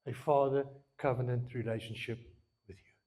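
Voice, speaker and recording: A man's voice: medium pitch, steady tone, normal speed, dark tone. A man preaching a sermon as pastor, earnest, moving between Afrikaans and English and repeating phrases for emphasis.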